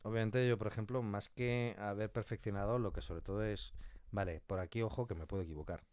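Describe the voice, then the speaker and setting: His voice is fairly low and a little mellow, with fairly even intonation and a fairly quick pace, and there's no room sound. He's a podcast guest who writes and directs audio fiction, talking emphatically about his creative work in an animated interview and acting out little quotes.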